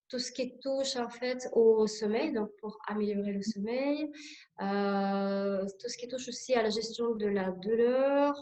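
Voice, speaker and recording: A Russian-accented woman in her forties runs an introductory relaxation workshop, her voice sitting slightly high. She explains step by step, often hesitating with fillers as she searches for her words. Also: warm tone. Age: 40s. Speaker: sophrology instructor.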